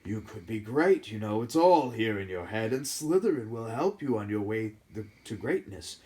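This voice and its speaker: A man reading aloud and voicing an old male magical talking hat that muses slowly and then bellows its choices. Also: fairly low pitch, sing-song, mellow. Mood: musing. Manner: slow, musing, then bellowing house names.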